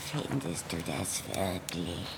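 A woman's voice: rumbling low, lively intonation, takes it slowly, vocal fry, slight background noise, full character voice. A woman playing a lonely, aggrieved female lake monster in a children's audio drama, with a dramatic, self-pitying manner. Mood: touched.

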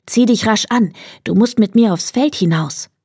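A woman's voice: medium pitch, moderate pace, darkish tone, slightly rough, no echo, studio quality. Woman doing a sly clever hedgehog. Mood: scheming.

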